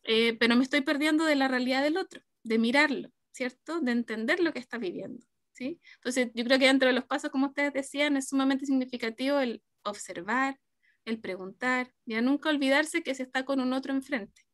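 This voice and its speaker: A woman's voice: high voice, a little fast, no echo, clean studio sound. A woman moderating an academic panel, reflecting aloud before putting her questions to the guests. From Chile. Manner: reflective, asks questions, gestures a lot.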